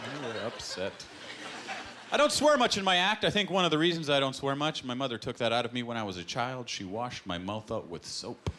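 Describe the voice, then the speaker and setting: A man from Canada performs a stand-up set on a club stage, his voice leaping up and down in lively swings. He tells his stories with quick punchlines through a handheld mic, and loud noise from the live show fills the background. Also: medium pitch. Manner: animated storytelling with punchlines. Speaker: stand-up comedian.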